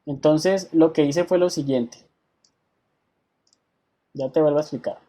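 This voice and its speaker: A man leads an online design class, walking through each step with unhurried patience. His voice is mellow and warm. He keeps asking his students over the call whether they are following. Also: on the high side. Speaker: teacher.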